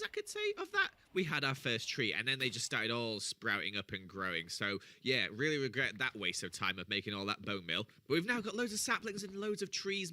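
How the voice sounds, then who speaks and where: A man's voice: medium pitch, pushed and bright, no echo. A man narrating his gameplay as a voiceover, playful and self-mocking, with the hiccups. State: has the hiccups. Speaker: gaming channel host.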